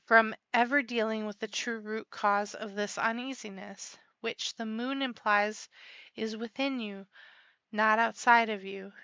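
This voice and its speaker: A woman's voice: fairly high pitch, bright, forceful tone, clear, resonant tone, no room sound, muffled recording. Chatty woman giving a tarot reading. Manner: chatty, rambling, laughs often. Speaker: tarot reader.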